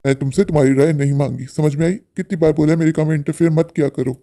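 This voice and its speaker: A man voicing an arrogant rich boss in a cartoon, who talks in a scornful, harsh way and shouts others down. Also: on the high side, flat delivery, fast, close to an everyday voice. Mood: contemptuous. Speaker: cartoon character.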